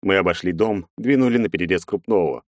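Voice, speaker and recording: A man narrating an audiobook in a steady, measured storytelling voice. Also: deep voice, no room sound, clean studio sound. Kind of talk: scripted narration.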